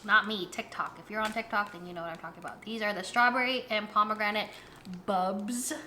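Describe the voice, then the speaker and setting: A young woman talks casually to her camera, upbeat and quick to laugh. Her voice sits at an ordinary middle pitch. Faint noise hums behind her. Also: fairly even intonation, sharp tone. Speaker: vlogger. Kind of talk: casual vlog chat.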